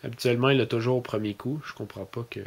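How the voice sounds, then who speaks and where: A man with a Québécois French accent hosting a casual tech demo, talking hesitantly with many fillers and speaking louder and slower when he gives his phone voice commands. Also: medium pitch, steady tone, a little hiss or hum. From Quebec, Canada. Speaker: tech video host.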